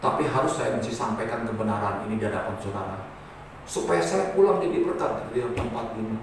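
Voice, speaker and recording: A male pastor preaching a sermon to his congregation, swinging between loud emphatic lines and quiet asides. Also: medium pitch, fast, gravelly, noisy background. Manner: addresses the congregation as saudara. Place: church hall. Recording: very echoey church hall, mic at a distance.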